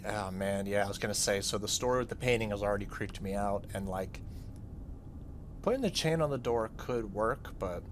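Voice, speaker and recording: A man hosting a gaming video reads the game's text aloud and drifts into casual asides during the playthrough. His voice sits on the low side at a moderate pace, with game music underneath and a little hiss or hum.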